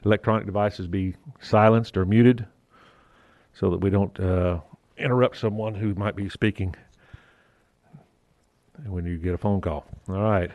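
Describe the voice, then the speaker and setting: A man chairing a city council meeting as mayor, his voice muffled through a face mask, talking haltingly with fillers and the odd joke. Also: lowish voice, steady tone, darkish tone, dry recording. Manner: halting, with fillers and restarts, lightly joking.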